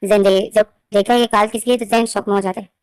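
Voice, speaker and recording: A woman's voice: mid-range voice, fairly even intonation, fast talker, a little mellow, clear, resonant tone, no echo. A woman casually narrating her own fan fiction story in a repetitive, conversational way.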